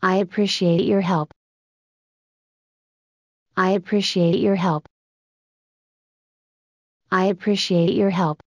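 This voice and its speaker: Female teacher voice, slow repeated phrase drills, plain even reading, dry close sound. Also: mid-range voice, no echo, dull audio. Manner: plain, evenly paced model reading. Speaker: English phrase reader.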